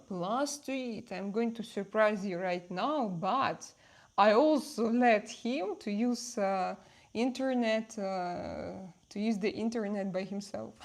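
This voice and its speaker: Speaking halting English with a Russian accent, this livestream host from Russia chats casually with her viewers and answers them, often repeating herself. Her pitch is medium.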